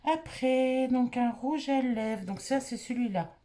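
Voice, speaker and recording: A woman's voice: sits high, takes it slowly, mellow. A married woman from France, casually reviewing beauty products she bought and thinking aloud with lots of fillers. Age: adult, married. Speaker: beauty vlogger.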